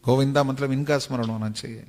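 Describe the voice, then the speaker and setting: A man's voice: medium pitch, steady tone, brisk, darkish tone. A man giving a devotional story sermon in a temple hall, retelling tales and chanting verses between his explanations. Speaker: religious storyteller. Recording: echoey hall.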